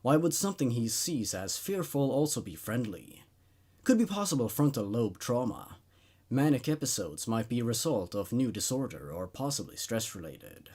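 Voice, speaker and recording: A man voices a probing psychiatrist in a horror storybook, calm and clinical with a husky edge. His pitch ranges widely as he muses with secret obsession, speaking at normal speed in a mood of clinical musing.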